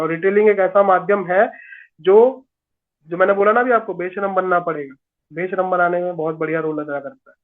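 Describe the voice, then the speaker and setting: Male business trainer, fairly high voice, coaxing and repetitive, heard through a phone-like line. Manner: coaxing, repeats phrases for emphasis. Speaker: network marketing trainer. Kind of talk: motivational business training talk. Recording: tinny phone-like sound.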